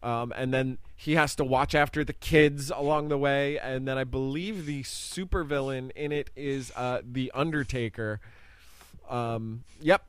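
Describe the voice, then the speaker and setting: A man's voice: mid-range voice, fairly even intonation, measured pace, smooth, dry recording. Laid-back man in his forties, dry mic. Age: 40s. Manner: laid-back, rambling with fillers. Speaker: podcast co-host. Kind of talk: casual chat.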